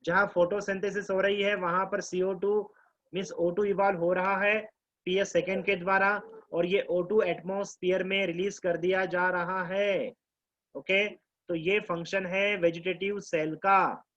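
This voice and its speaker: A man teaching biology to exam students, mixing Hindi with Indian English, explaining slowly, repeating key terms and quizzing his class. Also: sits high, little pitch movement, fairly bright tone, highs cut off. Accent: Indian English mixed with Hindi. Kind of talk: live online class lecture.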